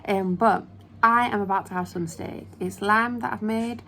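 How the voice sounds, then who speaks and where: A young British woman vlogs at home indoors, chatting and rambling to camera with lots of ums while holding her phone at arm's length. Her mid-range, slightly bright voice is steady at normal speed, with the phone video recording carrying a little hiss or hum.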